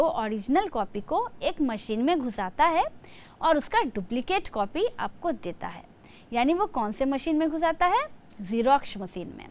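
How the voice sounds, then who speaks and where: A woman teacher giving a lesson to young children, spelling words out letter by letter. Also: high voice.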